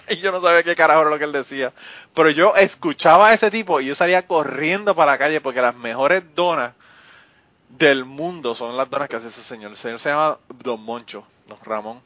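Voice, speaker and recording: A man's voice: on the high side, brisk, no room sound, muffled recording. A man with a Puerto Rican Spanish accent, co-hosting a casual chat and telling loose stories with casual swearing. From Puerto Rico.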